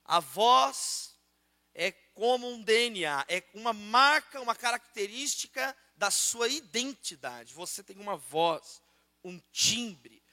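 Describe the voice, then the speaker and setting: A man with a Brazilian Portuguese accent preaching a sermon and praying in a church auditorium, switching between loud prayer and softer asides. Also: high-pitched, lively intonation, takes it slowly, long reverb tail. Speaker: pastor.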